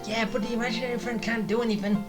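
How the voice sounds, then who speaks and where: A woman gaming streamer with a fairly high, flat-sounding voice talks rapidly as she plays, rambling casually, reacting to the game and reading its dialogue aloud. Game music plays underneath her commentary.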